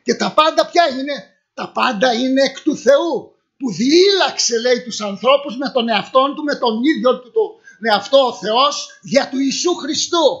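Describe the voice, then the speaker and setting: A middle-aged man preaches in a church hall, his voice sitting high for a man. He reads scripture aloud, then explains it through questions he answers himself. The recording is dull and lo-fi. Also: lively intonation, fairly bright tone. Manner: asks rhetorical questions and answers them. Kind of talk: sermon.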